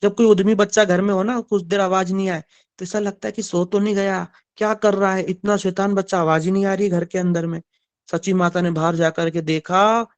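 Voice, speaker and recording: A man telling devotional stories in a sermon, animated, turning to ask his listeners. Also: high voice, clear, resonant tone, dry recording. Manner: animated storytelling, asks the audience. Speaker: spiritual storyteller.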